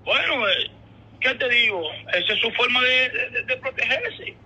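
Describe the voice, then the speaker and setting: With an extremely high, husky voice, this Dominican man sounds expressive, bright and forceful at normal speed. He's heard tinnily on speakerphone in a muffled, casual phone call, hesitating and repeating words as he explains.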